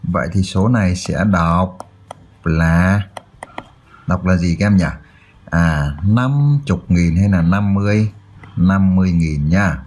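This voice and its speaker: A man's voice: low voice, slow pace, darkish tone, slight background noise. A man tutoring children through a math exercise, explaining step by step and often checking that they follow. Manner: checks in often with "được chưa?".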